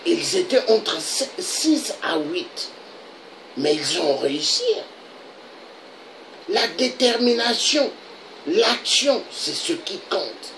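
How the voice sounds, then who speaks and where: Man, political video monologue, unhurried, animated declamatory delivery. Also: high voice, gravelly, crowd noise, low-quality recording. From Republic of the Congo. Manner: declamatory, with repeated rhetorical questions.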